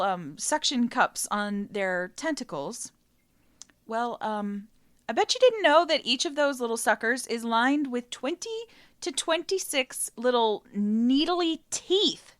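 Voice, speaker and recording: Woman podcast host, casual storyteller with a fairly high voice, chatty with laughing asides. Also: fairly bright tone.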